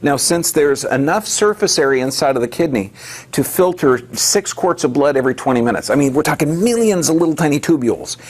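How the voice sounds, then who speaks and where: A man's voice: a little high, lively intonation, a little fast. A man giving an emphatic health lecture to a live audience, firing off rhetorical questions and answering them himself.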